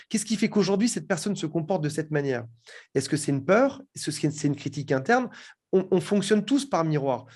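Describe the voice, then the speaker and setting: A man speaking as an interview guest, explaining in a lively way and often repeating words as he thinks. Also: fairly high pitch.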